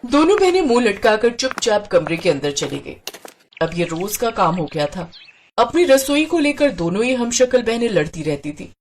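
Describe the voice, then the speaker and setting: A woman narrating a cartoon story in an even, scripted storytelling way. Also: medium pitch, normal speed, a little hiss or hum.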